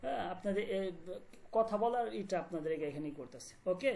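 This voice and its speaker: A woman teaching a language class online, explaining words slowly and often asking whether students follow. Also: medium pitch, animated, creaky, a crowd in the background. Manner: repeats words and checks understanding often.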